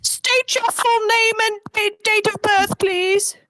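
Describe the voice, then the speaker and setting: A woman's voice: very high voice, fairly even intonation, slow, a bit bright, dry recording, voice pushed up, full character voice. A woman playing a prim, suspicious child. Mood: wary. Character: wary, bossy child, sibling. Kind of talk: improv comedy.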